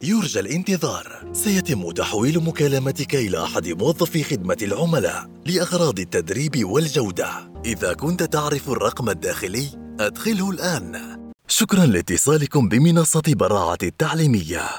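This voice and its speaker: A man's voice: medium pitch, sing-song, fairly quick, faint music behind. A man reading scripted phone menu announcements in a formal, courteous customer service voice. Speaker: voice-over artist for phone greetings.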